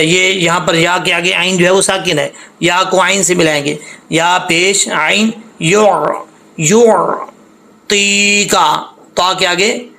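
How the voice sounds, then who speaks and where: Guy teaching quran recitation, kinda high gravelly voice, goes slow, spells out every letter and stretches the sounds. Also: a bit bright. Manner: patient, corrects common mistakes. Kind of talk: step-by-step recitation lesson.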